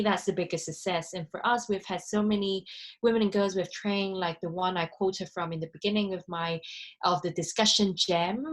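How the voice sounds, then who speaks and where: A woman from Hong Kong speaking earnestly on a panel over a video call, with many fillers and restarts. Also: medium pitch. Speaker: panelist, social enterprise founder. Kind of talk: panel discussion.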